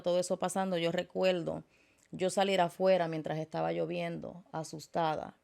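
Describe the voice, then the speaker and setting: Low, gravelly woman. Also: a little mellow. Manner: earnest, halting, with many fillers and English asides. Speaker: guest. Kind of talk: personal testimony in interview.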